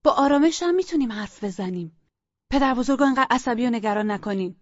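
A man voicing a mother who pleads with her family to calm down. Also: extremely high pitch, no echo, highs cut off, pitched above the performer's own voice. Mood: pleading. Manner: pleading, soothing.

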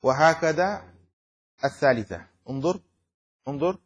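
A middle-aged male teacher speaks to a class in a slightly raised, husky voice. He reads out a text, explains it and stops often to ask the students whether it is clear. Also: on the high side, lively intonation, unhurried, dull audio. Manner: keeps checking students understand, asks questions. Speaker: teacher of Islamic law.

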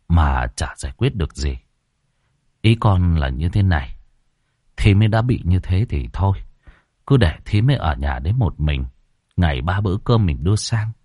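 A man voicing a weary grown son who speaks in a low, resigned, heavy tone. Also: mellow, dry recording, clean studio sound.

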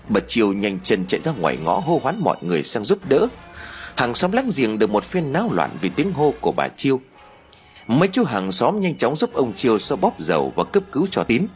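A man narrating a scripted horror story in an expressive, dramatic reading. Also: medium pitch, a little fast, soft background music.

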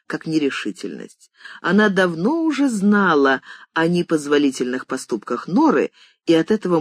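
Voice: mid-range voice, dry recording, clean studio sound. An audiobook narrator reading literary prose expressively.

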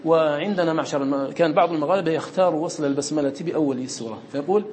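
Fast-talking man teaching a class. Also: fairly high pitch, a little mellow. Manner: asks students questions and answers them himself; quotes lines of verse in a raised voice. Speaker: Quran recitation teacher. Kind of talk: classroom lesson explaining a verse text. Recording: faint background noise.

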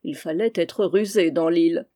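A woman reading a novel aloud in a steady, measured storytelling manner. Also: on the low side. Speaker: audiobook reader.

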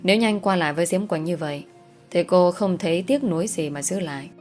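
A woman with a fairly low voice narrates a romance story at an even, unhurried storytelling pace. Soft music plays faintly underneath her reading. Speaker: audiobook narrator.

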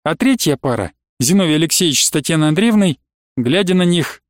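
A man's voice: a little high, animated, brisk, dry recording. Male audiobook narrator, dry close sound. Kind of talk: scripted narration.

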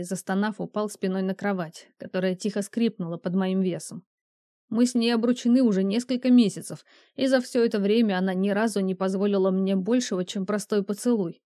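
A woman reads a fantasy novel aloud in the first person, steady and intimate. Her voice sits at an ordinary middle pitch. The recording is dry and close, with no room around it. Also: no room sound. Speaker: audiobook narrator.

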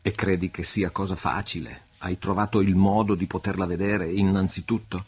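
A man's voice: deep voice, moderate pace, slightly rough. A man reading aloud and voicing a wisecracking Portuguese pirate who coaxes and teases his friend. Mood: reasoning. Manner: teasing, coaxing, lively. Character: wisecracking Portuguese pirate, loyal older-brother type.

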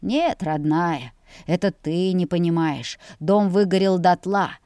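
A woman voicing a calm, heavy-voiced peasant father who speaks slowly and steadily in a storybook. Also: lowish voice, dry recording, clean studio sound. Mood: grave. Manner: calm, deliberate.

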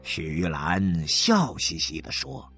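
Brief: male storyteller with a low, husky voice and a slow, measured delivery. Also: big pitch swings, a bit bright, faint music behind. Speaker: narrator. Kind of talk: dramatic narration.

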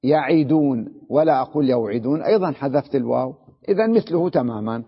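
A man's voice: mid-range voice, expressive, fast talker, vocal fry, husky. A man teaching an Arabic grammar lesson, explaining step by step, repeating examples and asking the class questions. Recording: dull, echoey hall recording.

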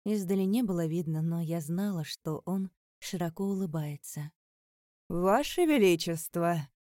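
A woman with a low, mellow voice reads a first-person audiobook. Her delivery is measured and steady, and the recording is close and dry. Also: no room sound. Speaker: audiobook narrator.

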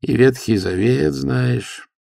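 A man voicing a sly, eccentric stoker monk who plays innocent, with wry feigned surprise and squeaky rising outbursts. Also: animated, a little slow, vocal fry, darkish tone, breathy edge, dry recording, studio quality, full character voice.

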